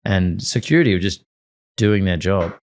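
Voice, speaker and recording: A man with an Australian accent, a radio host and guest, telling animated stories in casual interview chat. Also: sits low, normal speed. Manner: animated storyteller.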